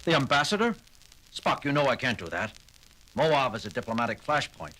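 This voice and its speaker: Captain Kirk. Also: male voice, medium pitch, sing-song, fairly quick, pushed and bright, poor audio. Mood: sharp. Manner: clipped, commanding, emphatic. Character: decisive male starship captain, commanding. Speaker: starship captain. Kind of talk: 1970s audio drama acting.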